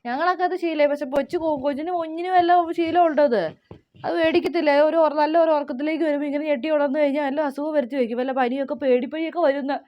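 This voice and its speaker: A woman's voice: high voice, steady tone, very fast, highs cut off, pitched above the performer's own voice, natural voice. A woman playing a fussy, scolding middle-aged mother-in-law in a comedy sketch, nagging in exclamations.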